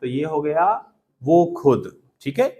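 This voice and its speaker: A man's voice: a little high, takes it slowly, dull audio, crowd noise. Man teaching a class, drilling phrases. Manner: drills a class with repeated questions. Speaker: spoken English teacher. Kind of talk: classroom lesson in Hindi and English.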